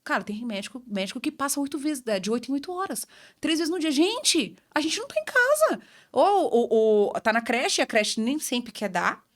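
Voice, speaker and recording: A woman in her thirties, a children's ear-nose-throat doctor, chatting as a podcast guest and telling lively stories with acted-out dialogue. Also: on the high side, brisk. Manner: lively storytelling, acts out quoted dialogue. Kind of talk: casual podcast chat.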